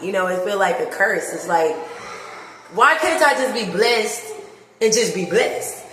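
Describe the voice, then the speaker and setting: In an unhurried, lively-sounding medium-pitched voice that's a bit bright, a woman livestreams a casual, heartfelt look at her new apartment, often breaking into laughter. The empty rooms create long, echoing reverb, and there's a little hiss or hum.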